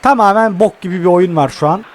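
A young man giving excitable live commentary while playing a mobile football game, groaning and cursing at it. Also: sits high, fairly quick.

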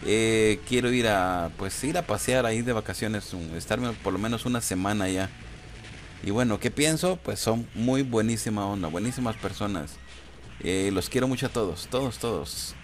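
With a fairly low voice at normal speed, a man from Guatemala answers his viewers' questions as a YouTuber, chatting loosely over gameplay. He's hesitant, slangy, and repetitive, and background noise can be clearly heard.

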